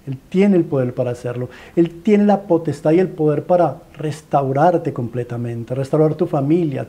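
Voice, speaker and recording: A man's voice: fairly high pitch, mellow. A man with a Colombian accent preaching a sermon as a dramatic story, stacking rhetorical questions and repeated phrases in a pleading way.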